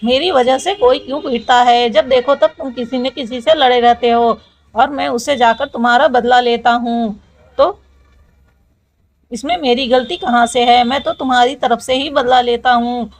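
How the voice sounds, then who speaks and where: This is a carefree young man who shrugs off blame and teases his bruised friends, with a woman storyteller putting him on. The voice sits high, close to the reader's own. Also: fairly even intonation, moderate pace, natural voice. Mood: teasing. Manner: teasing, amused, offhand.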